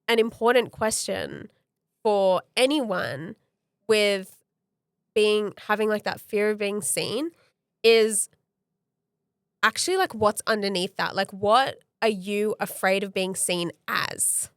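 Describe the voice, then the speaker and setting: A woman's voice: medium pitch, slow pace, clean tone, no room sound, studio quality. A woman, a coach on a podcast, talking reflectively and acting out her own past thoughts. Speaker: guest coach. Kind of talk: casual interview chat.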